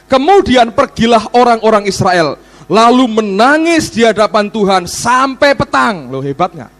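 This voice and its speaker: A man with a Javanese Indonesian accent preaching a sermon, swinging from loud exclamations to quiet asides and often calling the listeners "brothers.". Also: expressive, moderate pace. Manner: often addresses listeners as "saudara"; dramatizes Bible dialogue with rising pitch. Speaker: pastor.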